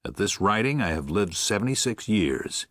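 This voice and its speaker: In a first-person audiobook with acted dialogue, a man voices a gentle, reflective 76-year-old Midwestern preacher writing to his son. His aged voice is husky and fairly low, and his delivery is measured, tender, musing and very animated. The studio-quality recording has no echo.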